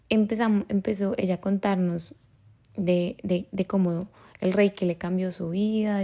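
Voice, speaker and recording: Speaking with a mellow, medium-pitched voice, a young podcast host from Colombia shares a personal story in her Colombian Spanish accent. She rambles casually and uses lots of filler words.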